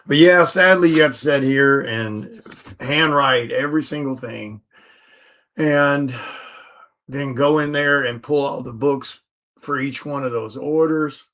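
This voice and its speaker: A man's voice: mid-range voice, a little slow, fairly bright tone. A tired man who is a comic artist, chatting casually on a livestream while he sorts orders and mutters the items to himself.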